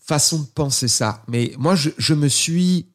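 A man's voice: on the high side, measured pace. Earnest, hesitant French man. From France. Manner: earnest, hesitant, growing heated. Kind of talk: candid conversation.

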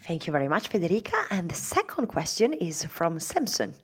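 A woman host with a husky, slightly low voice whose intonation rises and falls a great deal. She moves the interview along graciously, thanking the guest and introducing the next question. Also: wildly swooping pitch, a little fast. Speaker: podcast host.

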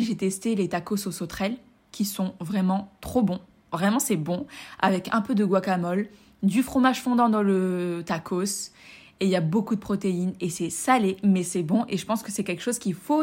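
A woman's voice: mid-range voice, a little mellow. A woman from France hosting a casual personal podcast, chatting enthusiastically and speaking straight to her listeners. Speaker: podcast host and coach.

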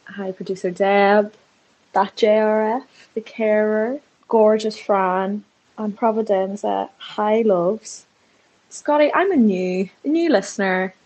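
Gushing, husky woman leaving a voice message. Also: mid-range voice, slow, darkish tone, rough recording. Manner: gushing, affectionate, sweary. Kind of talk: casual, chatty voice message.

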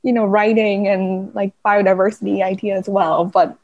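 A young woman from Vietnam, a climate journalist, chatting relaxed in an interview. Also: medium pitch, normal speed, lo-fi sound. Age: young adult. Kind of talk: casual interview chat.

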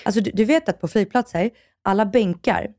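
A woman's voice: mid-range voice, a little mellow, dry recording, clean studio sound. A woman from Sweden co-hosting a podcast, chatting casually and giving frank opinions. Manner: agreeing with frequent "mm", frank opinions, some swearing. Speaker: podcast co-host. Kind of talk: casual chat.

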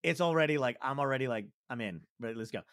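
A man's voice: medium pitch, animated, quick pace, a bit bright, dry recording, studio quality. A man, a comedian and podcast host, telling a story in casual chat, swearing freely and acting out both sides of a phone call.

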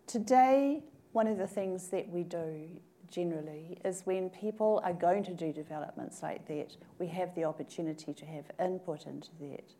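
A woman from New Zealand speaking on a panel, thoughtful and measured, pausing often to gather her words. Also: lowish voice, dark tone. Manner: thoughtful, measured, with frequent pauses and fillers. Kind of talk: panel discussion. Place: conference room at a table.

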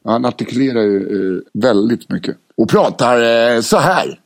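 A man's voice: medium pitch, lively intonation, gravelly. Joking young man on a podcast. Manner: joking, laughs often, swears casually. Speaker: podcast co-host. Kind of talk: casual chat.

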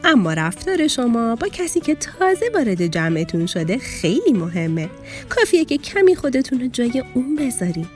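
A kind, patient female fish schoolteacher from a children's storybook, voiced by a woman. She lectures calmly and gently, with a lively rise and fall. Faint music plays underneath. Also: fairly high pitch. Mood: teaching.

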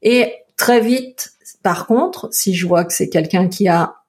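A woman's voice: mid-range voice, slow pace, a little mellow. A woman from France with a French accent, chatting as co-host, thoughtful and full of hesitations. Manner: thoughtful, hesitant with many fillers. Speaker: podcast co-host. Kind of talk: casual conversation.

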